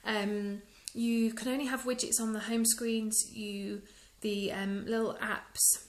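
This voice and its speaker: A woman's voice: a little high, flat delivery, slow pace, roomy sound, low-quality recording. A woman giving a casual phone review vlog, talking into a phone she holds at arm's length, chatty and full of ums. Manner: chatty, many ums, mildly disappointed. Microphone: phone held at arm's length.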